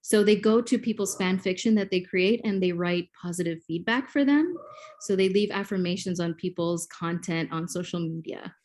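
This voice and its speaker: In a podcast interview, a Kenyan woman in her forties who grew up speaking Swahili talks at a normal speed. Her pitch is fairly low and her voice a little mellow. She explains like a classroom teacher, with frequent ums.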